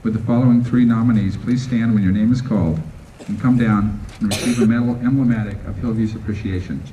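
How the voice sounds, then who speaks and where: A man's voice: fairly low pitch, steady tone, dark tone. A man presenting awards at a school ceremony, reading formally from a script, captured on an old home VHS tape. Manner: measured, reads from a script. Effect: old home VHS tape recording. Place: school auditorium. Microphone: camcorder mic far from the stage. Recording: distant hall voice on noisy old VHS tape.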